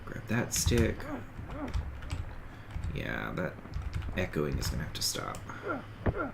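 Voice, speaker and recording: Very deep and gravelly, this man's voice is slow yet very animated, and the recording is very noisy. A streamer stuffed up and sniffling from a cold, he gives casual let's-play commentary on a survival game, rambling, self-correcting, and talking through each step.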